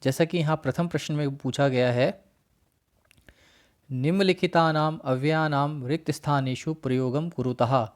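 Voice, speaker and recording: A man teaching a worksheet lesson, reciting word lists in a slow, measured way and then explaining each one. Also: mid-range voice, darkish tone.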